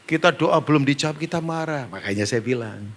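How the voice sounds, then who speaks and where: A man's voice: medium pitch, fairly quick. A middle-aged Indonesian-accented male pastor preaching a storytelling sermon, joking and acting out conversations with his congregation. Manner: animated, joking, acts out dialogue, talks to the band and congregation.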